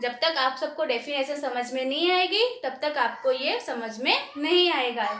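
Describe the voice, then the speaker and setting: A woman teaching young pupils a grammar lesson, dictating definitions slowly and asking questions she answers herself. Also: sits high, animated, a bit bright, echoey room, a little hiss or hum.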